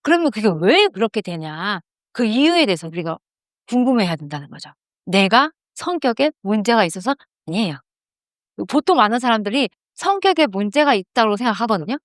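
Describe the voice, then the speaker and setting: Lively-voiced woman teaching meditation. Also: fairly high pitch, fairly quick, no room sound, clean studio sound. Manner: asks the audience questions and answers them. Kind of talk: lecture leading into guided meditation. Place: room with a live audience.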